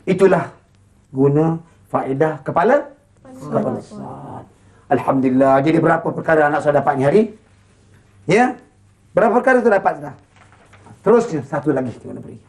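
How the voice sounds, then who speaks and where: A Quran recitation teacher with a Malaysian Malay accent, chanting slow model verses and then quickly explaining and quizzing pupils. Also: mid-range voice, animated, darkish tone. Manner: quizzing pupils with short questions. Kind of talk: classroom lesson with call-and-response.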